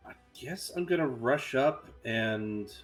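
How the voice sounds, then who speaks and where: A man's voice: mid-range voice, expressive, slow pace, soft background music. Casual man playing a tabletop game.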